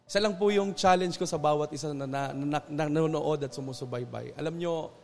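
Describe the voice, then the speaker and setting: A Filipino pastor speaks with earnest, preacher-like conviction, stretching words out when he wants them to land. His voice sits high for a man. A long reverb trails behind him, as if he were in a large hall. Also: gravelly, a little mellow. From Philippines. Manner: earnest, preacherly, slows down for emphasis. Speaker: pastor, interview guest.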